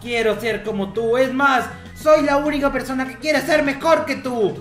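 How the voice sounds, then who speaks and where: A man acts out an eager little demon boy in a Minecraft roleplay, with a very high voice. He is theatrical and gushing, keen to be wicked. The sound is roomy, with music behind. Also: normal speed, a bit bright. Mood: proud, eager. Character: excitable young demon boy eager to be evil.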